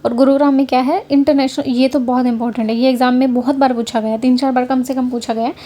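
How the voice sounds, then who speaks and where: A woman's voice: sits high, little pitch movement, fast talker, dark tone. A woman from Haryana teaching an online exam-prep class in a conversational way, checking in often with her listeners. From Haryana, India. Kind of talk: casual lecture over slides.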